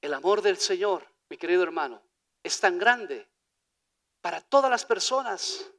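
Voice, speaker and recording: High, bright-voiced Ecuadorian preacher man. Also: lively intonation, unhurried. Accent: Ecuadorian Spanish. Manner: preaching with swings from hushed to loud, calling listeners "hermano". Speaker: pastor. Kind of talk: sermon. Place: church. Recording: church hall reverb.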